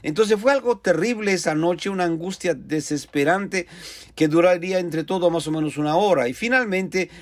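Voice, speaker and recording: A man's voice: high voice, normal speed, dry recording. A preacher telling a personal testimony in earnest storytelling, often repeating and restarting his phrases.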